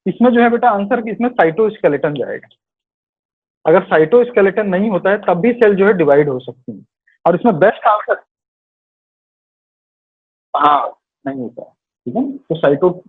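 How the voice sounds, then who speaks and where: A man's voice: high voice, animated, normal speed, pauses often, slightly rough. A male biology teacher in a live online class, going over quiz answers in Hindi mixed with English terms, correcting himself and calling students "beta". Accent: Hindi-English code-mixing. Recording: tinny phone-like online class audio.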